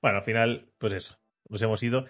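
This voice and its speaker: A man co-hosting a podcast, chatting casually and telling stories with lively swings into loud mimicked shouts. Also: fairly low pitch, fast. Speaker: podcast co-host. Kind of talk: casual chat.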